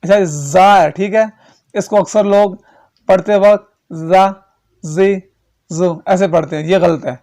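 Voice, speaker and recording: A man with a Pakistani Urdu accent teaching Quran reading, slowly chanting drawn-out syllables and then explaining quickly while checking in with the learner. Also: high-pitched, darkish tone. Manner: checks in with repeated questions to the learner. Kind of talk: recorded tajweed lesson.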